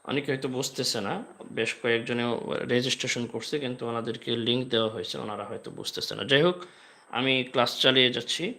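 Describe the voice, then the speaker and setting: A man leads a live online lesson, explaining with patience and repeating each sound slowly and clearly. His voice is bright and a little forceful, at an ordinary middle pitch. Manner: slow drilled letter sounds with repeated examples. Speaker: Arabic alphabet teacher.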